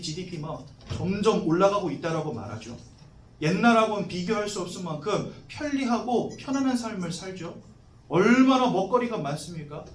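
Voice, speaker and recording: Male pastor in his forties with a high, animated voice. Casual, questioning sermon, recorded from afar in a roomy hall. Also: far from the mic, slight background noise. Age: 40s. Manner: conversational, asks the congregation questions, jokes. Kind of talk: sermon to new members. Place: church hall.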